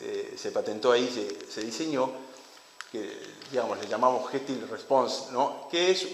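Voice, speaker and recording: A male lecturer with a Uruguayan Spanish accent explains his material at a middle pitch, often stopping to restart phrases. His voice carries through a large room and rings with a long reverb. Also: slight background noise. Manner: halting, with frequent restarts and fillers. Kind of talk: academic lecture. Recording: roomy hall with long reverb.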